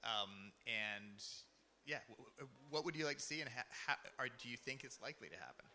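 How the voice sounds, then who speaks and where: A man's voice: mid-range voice, lively intonation, brisk, bright, forceful tone, slight background noise. A man moderating a panel discussion, asking questions in a hesitant way.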